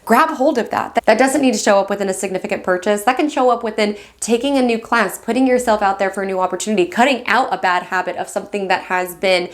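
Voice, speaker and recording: Woman astrology host, West Coast American, fast and bubbly, warmly encouraging, mid-pitched. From United States. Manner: fast, excited, affectionate and encouraging. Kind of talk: weekly horoscope monologue.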